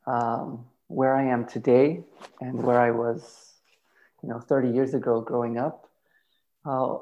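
A man in his thirties, a podcast guest, telling his life and faith story in a thoughtful, hesitant way with many pauses and fillers. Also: mid-range voice, warm tone, lo-fi sound. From United States. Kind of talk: casual testimony interview.

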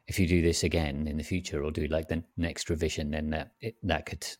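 A man's voice: extremely low pitch, little pitch movement, a little fast. A man hosting a technical interview, summarizing with brief prompts. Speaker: interviewer host.

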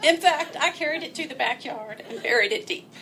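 A woman's voice: high-pitched, expressive, fairly quick, background noise. A woman telling a personal story aloud in a wry, self-mocking way, often laughing as she speaks.

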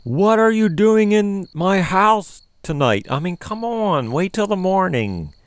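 A man's voice: mid-range voice, sing-song, slow, darkish tone, no echo, heavily acted. A man voicing a sleepy, put-upon husband woken in the night, complaining in an exasperated, whiny way in an amateur comedy audio drama. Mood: arguing.

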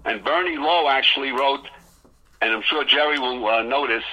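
A man's voice: mid-range voice, normal speed, muffled recording. A man co-hosting a radio show as a DJ, rattling off music facts in casual chat and restarting his sentences often. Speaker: guest co-host DJ.

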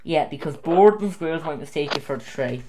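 Casual quiz host, mid-pitched, halting reads with frequent restarts. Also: lively intonation, noisy background. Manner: reads questions aloud haltingly, stumbling and restarting. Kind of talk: casual home video quiz.

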